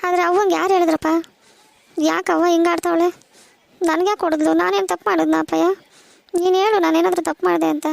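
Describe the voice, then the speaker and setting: A woman's voice: extremely high pitch, steady tone, fast talker, vocal fry, long pauses, dry recording, full character voice. A woman voicing a tearful, anxious teenage village daughter in a cartoon, pleading and asking worried questions while crying. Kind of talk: cartoon voice acting.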